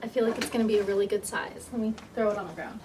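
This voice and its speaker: Woman doing a casual vlog, chatty n thinking out loud, medium pitch, bit of background noise. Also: fairly even intonation, very fast. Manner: chatty, informal, thinking aloud. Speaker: vlogger and real estate agent.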